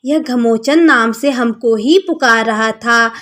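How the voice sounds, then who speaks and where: A woman voicing a kindly, amused male god in a devotional story, explaining gently. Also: fairly high pitch, slow pace. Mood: gentle.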